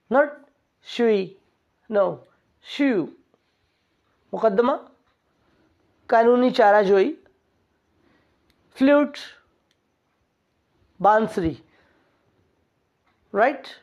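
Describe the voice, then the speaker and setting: A woman runs a recorded English lesson in a high voice and sounds out each word at an unhurried, deliberate pace. She poses a question and answers it herself as she drills the vowels. The recording is dull and lo-fi. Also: animated, a little mellow. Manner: drills words slowly, asks and answers own questions. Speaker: English teacher.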